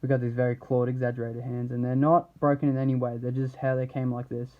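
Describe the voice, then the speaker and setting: A man giving a casual, unscripted product showcase as an action figure reviewer, rambling haltingly and trailing off mid-thought. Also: medium pitch, little pitch movement, narrow, tinny audio, over music.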